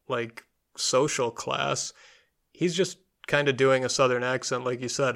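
A man's voice: medium pitch, a bit bright. A man co-hosting a podcast, talking casually about a film and laughing often. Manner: chatty, laughs often, filler-heavy. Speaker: podcast co-host.

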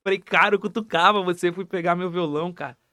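A man spins an anecdote in loose slang, quick and high-pitched. He acts out the quotes as he goes. The sound is dry and close. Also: bright, forceful tone, no room sound. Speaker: guest telling a story. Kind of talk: casual storytelling, slangy.

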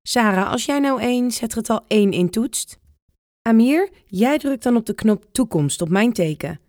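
A woman's voice: on the high side, lively intonation, moderate pace, a little mellow, no echo, clean studio sound, pitched above the performer's own voice. A woman voicing a cheerful, joking old grandfather in a read-aloud children's storybook. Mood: explaining.

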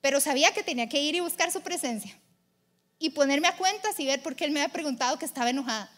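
A young woman preaching a sermon in an animated, confessional way. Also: high voice, fast talker. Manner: animated and confessional, shifting between loud and hushed.

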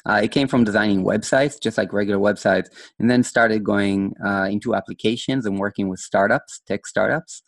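A man telling his story casually as a podcast guest, halting as he thinks aloud. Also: on the low side, no echo. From Israel. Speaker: podcast guest, design entrepreneur.

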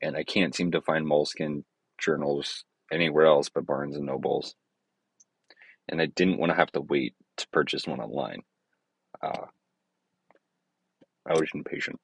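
A man's voice: extremely low pitch, steady tone, moderate pace, gravelly, pauses often, breathy edge, dry recording. A man hosting his own podcast, talking in a meandering, hesitant way with many fillers and self-corrections. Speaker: podcast host. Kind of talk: rambling casual monologue.

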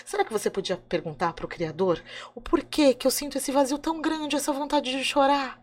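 A woman telling a folk tale plays a lonely, kind young woman who welcomes a stranger in. She speaks softly and gently, her voice bright and high. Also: brisk, close to an everyday voice. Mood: gentle. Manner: soft, gentle, inviting. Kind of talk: oral storytelling.

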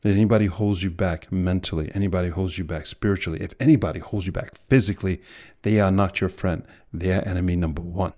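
A man's voice: sits low, steady tone, quick pace, darkish tone, highs cut off. A man delivering a motivational speech in an emphatic, direct way, full of rhetorical questions and repetition. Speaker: motivational speaker.

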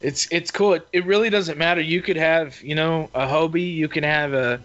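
Relaxed male co-host, higher voice, filler-heavy chat, dull lo-fi recording. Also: normal speed. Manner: relaxed, rambling, many fillers. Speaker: co-host of fishing show. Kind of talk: casual podcast chat. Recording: muffled lo-fi audio.

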